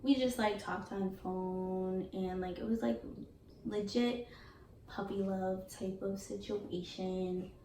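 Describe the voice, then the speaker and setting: A woman's voice: medium pitch, fairly even intonation, takes it slowly, warm tone. Young woman, casual storytime vlog, slangy and candid, roomy echo, mic set back. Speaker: beauty vlogger. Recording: echoey room, voice from a distance, faint hiss.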